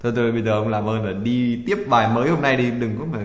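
A man's voice: mid-range voice, fairly even intonation, fast talker, reverberant, in a large hall. A man co-hosting a religious talk show, explaining passages and bantering with his partner. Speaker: co-host.

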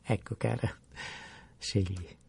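A man's voice: on the low side, fairly even intonation, slow, creaky, warm tone, husky, exaggerated voice. A man voicing a generous wealthy lady friend who speaks kindly and obligingly.

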